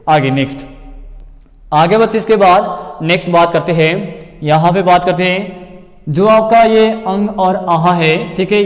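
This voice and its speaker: A male coaching teacher explains grammar to exam students a fairly high voice. He repeats points, calls his students kids and checks often whether they follow. The recording has a long, lingering reverb.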